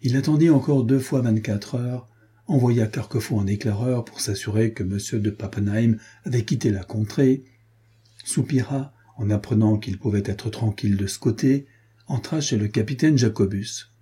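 A man narrating a classic adventure novel in a measured, literary manner. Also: fairly low pitch, warm tone, husky. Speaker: audiobook narrator. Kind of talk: scripted narration.

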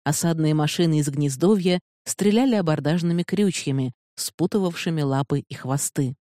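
An audiobook narrator reading a fantasy novel in a measured, steady way, close to the mic. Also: medium pitch, no echo.

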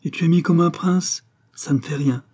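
A man reading aloud, voicing a hoarse, raspy old woman ragpicker who dotes on her adopted son. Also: a little high, normal speed, warm tone, pitched above the performer's own voice. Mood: shrill. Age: older.

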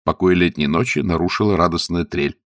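A man narrating a story aloud in a lively, expressive reading style. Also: low-pitched, brisk, dry recording, studio quality. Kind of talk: audiobook narration.

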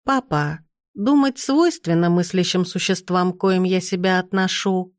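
A woman's voice: fairly low pitch, fairly even intonation, moderate pace, no echo, studio quality, lightly acted. A woman voicing a haughty, arrogant young viscount in an audiobook. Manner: haughty, cold.

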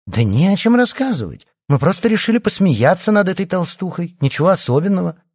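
A man voicing a vain, pushy teenage girl in an audiobook, speaking high and loud. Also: big pitch swings, moderate pace, slightly rough, dry recording, studio quality. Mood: indignant. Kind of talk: audiobook character voice.

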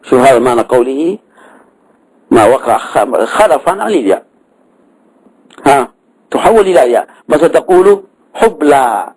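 A man's voice: mid-range voice, sing-song, normal speed, long pauses, a little mellow, dry recording, rough recording. A man teaching grammar, explaining a verse text in a lecture, repeating key words and prompting with short tags.

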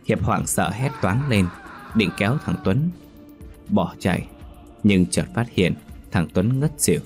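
A man with a very low, deep voice reads a ghost story aloud in a steady storytelling manner. Faint music plays behind him. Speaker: story narrator. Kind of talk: scripted ghost story narration.

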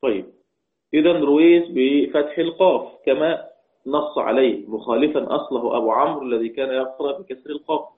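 Man teaching recitation over tinny audio. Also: mid-range voice. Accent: Egyptian. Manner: slow melodic recitation of quoted verses between explanations; asks questions and answers them himself, repeating key points. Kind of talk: religious lesson, explaining and reciting verses.

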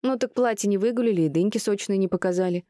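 A woman's voice: mid-range voice, animated, brisk, darkish tone, no room sound, clean studio sound, pitched above the performer's own voice, close to an everyday voice. A woman voicing a cheerful, teasing middle-aged female friend with a playful, slangy way of talking.

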